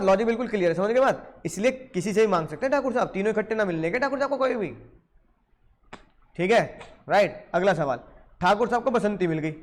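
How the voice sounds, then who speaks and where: A middle-aged man with an Indian accent teaching law in a lively classroom lecture, telling stories and quizzing students. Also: high-pitched. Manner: animated storytelling with film examples, asks students questions.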